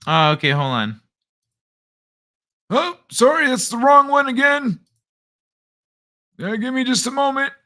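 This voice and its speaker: Leaning high in pitch with a pushed, bright sound, this man keeps his casual livestream jokey and loose. He laughs frequently and tosses out fast asides as he chats with viewers.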